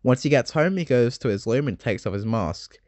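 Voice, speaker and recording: A young man in his late teens narrating a game summary video essay, chatty and full of joking asides with dark humor. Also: mid-range voice, lively intonation, normal speed, dry recording.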